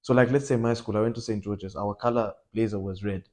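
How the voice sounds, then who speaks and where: A young man from Malawi chats easily about his life in football, his voice sitting a little low. He talks in a loose, animated way, joking and laughing as he goes. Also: fast. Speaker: football coach and academy owner. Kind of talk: casual podcast interview.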